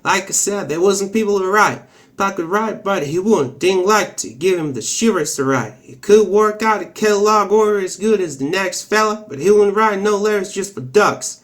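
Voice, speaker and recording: Plainspoken rural storyteller for an audiobook, high male voice, folksy practiced Oklahoma drawl, acted out by a man reading. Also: normal speed, a bit bright. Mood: matter-of-fact. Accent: Oklahoma accent, practiced.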